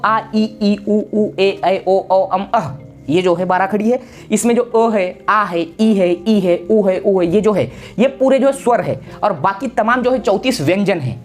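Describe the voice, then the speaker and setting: A man's voice: high voice, darkish tone. A man from Maharashtra, a teacher giving a casual exam-prep lesson, explaining with many repeats and restarts. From Maharashtra, India.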